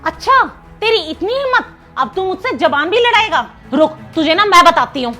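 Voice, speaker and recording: In a short scripted Hindi drama skit, a woman acts a bossy, wealthy mistress of the house who scolds and taunts. Her extremely high voice is brisk with lively intonation, heard over music.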